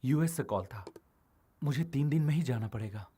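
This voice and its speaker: A man's voice: mid-range voice, lively intonation, moderate pace, over music, natural voice. An actor dubbing an earnest young man who insists his love will forgive him. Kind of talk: Hindi film dub.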